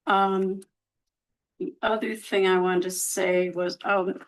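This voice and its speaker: Woman, resident at the podium, slow, gravelly, hesitant, lots of ums. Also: mid-range voice, flat delivery, low-quality recording. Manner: hesitant, many ums and restarts. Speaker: resident giving public comment. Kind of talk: public comment at a council meeting. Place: council chambers.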